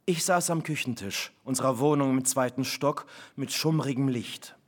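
A man, an author, reading his novel live in measured, reflective first-person narration. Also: medium pitch. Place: live reading in a broadcasting house.

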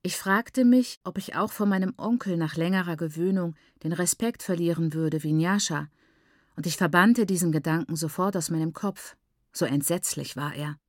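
A woman reading a first-person novel aloud in a measured, clear storytelling manner. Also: lowish voice, dry recording, clean studio sound. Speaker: audiobook reader. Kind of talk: scripted first-person narration.

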